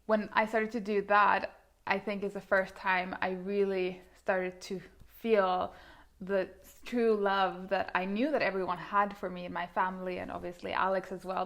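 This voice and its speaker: Woman, 30, vlogger; earnest, thoughtful monologue to camera, mid-pitched, lots of hedging fillers. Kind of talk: reflective casual monologue to camera.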